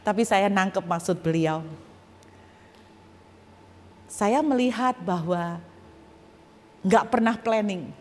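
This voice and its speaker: A woman guest preacher telling a personal testimony in a sermon, animated and humorous, with casual colloquial asides. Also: medium pitch, slow, long pauses. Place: church auditorium. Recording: long church hall reverb.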